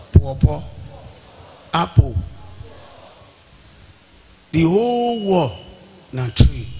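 A man's voice: on the high side, a little mellow. A man with a Nigerian accent preaching an emphatic sermon in short, repeated phrases on a handheld microphone in a large church hall. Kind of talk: impassioned sermon in Pidgin-inflected English. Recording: noisy large-hall PA recording.

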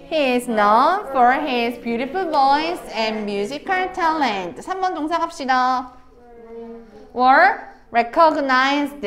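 A woman teaching a middle school English lesson to students at home, chatty and teasing, often laughing and acting out little family scenes. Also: high voice. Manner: laughs often while talking. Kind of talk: recorded online lesson.

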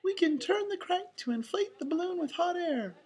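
A woman's voice: very high-pitched, animated, normal speed, darkish tone, pitched above the performer's own voice. A woman voicing a sweet, upbeat, coaxing female cartoon mouse while reading a storybook aloud. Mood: eager.

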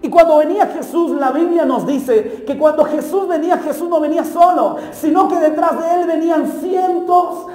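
A man preaching a Pentecostal sermon with passion, often shouting and acting out a beggar's cries. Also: very high-pitched, moderate pace, few pauses. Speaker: pastor. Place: church hall. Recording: echoey hall, long reverb.

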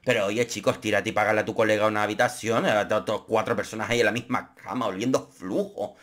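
A man's voice: fairly low pitch, level tone, fast, fairly bright tone. A young man from Spain with a Spanish accent, giving a camp, sarcastic running commentary on a reality show and breaking into shrieks and mock voices. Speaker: youtuber commentator.

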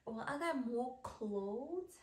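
Woman vlogger, unhurried rambling chat, camera in hand at home. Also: fairly high pitch, animated. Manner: chatty, rambling, repeats words. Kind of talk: casual haul video chat. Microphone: handheld camera.

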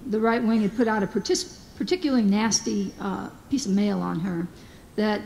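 Woman doing funny eulogy stories, kinda gravelly and highish, big echoey hall. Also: moderate pace, a little mellow. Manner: humorous storytelling, quoting others. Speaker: memorial speaker, former staffer. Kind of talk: anecdotal eulogy speech. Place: large hall. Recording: long hall reverb, faint rumble.

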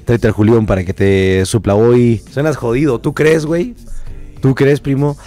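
Hoarse Mexican man streaming with a cold. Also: medium pitch, fairly even intonation, normal speed, music in the background. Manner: swears freely, reads out chat. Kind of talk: casual live-stream chat.

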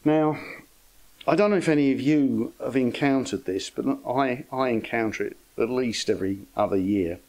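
A man's voice: mid-range voice, normal speed, a little mellow, low-quality recording. An older man giving an informal lecture to an astronomy club, with dry, wry humour and chatty asides. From England.

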